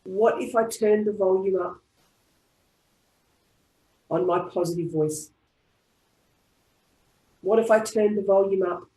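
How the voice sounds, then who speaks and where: An Australian woman leads a group tapping session, talking in calm, repeated affirmations. Her voice sits at a middle pitch. The sound is roomy and echoey, as on an online call. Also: slow, pauses often. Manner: calm, repetitive affirmation-style phrasing. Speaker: EFT tapping practitioner. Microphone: online video call. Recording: roomy echo.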